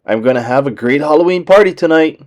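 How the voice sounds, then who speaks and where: A man voicing a cheerful, excitable cartoon mouse in an eager, exclamatory way for a storybook. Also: fairly high pitch, quick pace, lightly acted.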